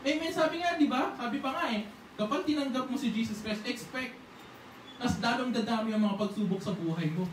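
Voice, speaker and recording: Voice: mid-range voice, fairly quick. Preacher in an echoey church hall. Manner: conversational preaching, keeps asking "di ba?" and acting out prayers. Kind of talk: sermon. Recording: echoey hall, voice from far off, faint hiss.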